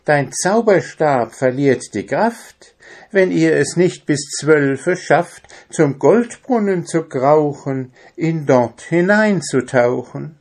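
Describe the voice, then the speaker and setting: A man's voice: on the high side, lively intonation, slow, a little mellow, pitched above the performer's own voice, exaggerated voice. A man doing chirpy rhyming ducklings. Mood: sing-song. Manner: sing-song rhyming. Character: two cheerful rhyming ducklings.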